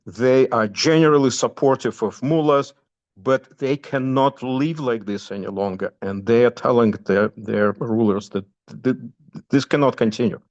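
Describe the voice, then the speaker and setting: A man with a Russian accent giving a spoken update on current events, halting often with fillers and restarts. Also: medium pitch, a little mellow, highs cut off. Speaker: guest commentator.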